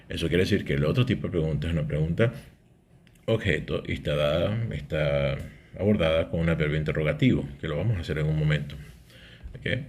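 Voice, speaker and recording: A man's voice: very deep voice, darkish tone, slight background noise. A man, teaching an English grammar lesson and explaining step by step, often checking in with "¿ok?".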